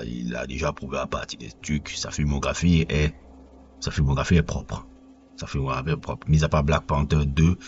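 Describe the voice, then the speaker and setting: A man's voice: rumbling low, a little mellow, breathy edge, muffled recording. A man from Cameroon with a Cameroonian French accent, reviewing a film in a casual, rambling monologue full of repeated words and fillers. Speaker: film vlogger.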